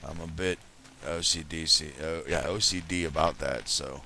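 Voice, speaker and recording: This is casual gameplay commentary from a let's play host who has only just woken up, his low voice raspy yet bright and forward. He talks at a moderate pace, rambling, chatty and relaxed, often correcting himself, over a faint background hiss.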